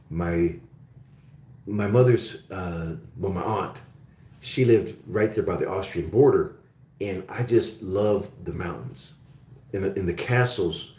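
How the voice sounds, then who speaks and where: A man born in Germany and raised in Oklahoma hosts a live call-in show on metals and resource stocks, speaking slowly in a low, darkish voice with long pauses. He rambles casually, full of fillers and restarts, and the recording has a roomy echo.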